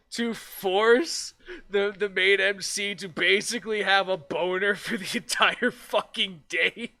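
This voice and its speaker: A man chatting on a livestream in a bright, forceful voice pitched a little high. He talks unhurriedly, rambles through restarts, curses freely and keeps breaking into laughter. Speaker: virtual streamer. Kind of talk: casual livestream chat.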